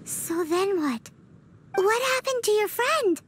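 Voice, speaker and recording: A woman voicing a tiny, excitable and impatient childlike girl fairy with a squeaky voice, in a cartoonish video game style. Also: slow pace, heavily acted. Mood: curious, eager. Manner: excitable, refers to self by name. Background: music.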